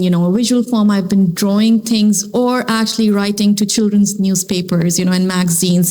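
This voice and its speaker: A woman in her thirties from Pakistan with a Pakistani accent, a filmmaker guest telling stories in a lively interview, often saying "you know". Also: mid-range voice. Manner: animated storytelling, frequent "you know". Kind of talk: conversational interview.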